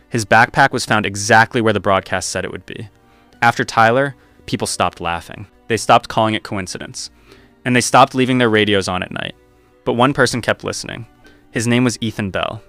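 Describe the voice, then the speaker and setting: A man narrating a scripted horror story in a slow, grave, measured way. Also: lowish voice, bright, forceful tone, no room sound.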